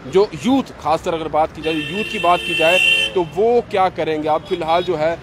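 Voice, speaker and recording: A high-voiced male reporter speaks at normal speed in an unscripted live piece to camera, holding a handheld mic outdoors on a roadside by a gate and flyover. Street traffic and vehicles fill the background.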